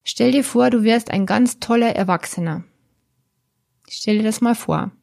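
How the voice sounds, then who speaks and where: A woman coach speaking to the listener in a calm, gentle way, guiding them through their thoughts step by step. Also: on the high side, measured pace, vocal fry. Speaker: therapist or coach. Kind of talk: slow, guiding talk to the listener.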